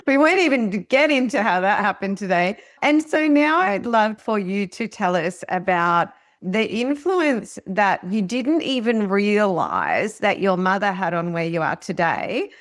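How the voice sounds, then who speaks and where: Aussie woman hosting a podcast, casual chatty talk, mid pitch, dry mic. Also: big pitch swings, a little slow, no echo. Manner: chatty, laughs often. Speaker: podcast host. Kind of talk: casual interview chat.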